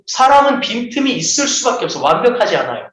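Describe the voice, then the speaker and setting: Guy preaching to kids, high swingy voice, keeps acting out little voices, echoey room. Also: fast talker. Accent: Seoul Korean. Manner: lively, acts out quoted voices. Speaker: children's pastor. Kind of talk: sermon to children. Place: church hall.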